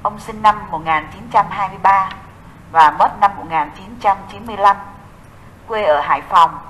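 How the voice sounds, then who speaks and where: A woman's voice: mid-range voice, normal speed, a bit bright, a little hiss or hum, rough recording. A woman teaching a recorded music theory lesson, explaining step by step and answering her own questions to the class.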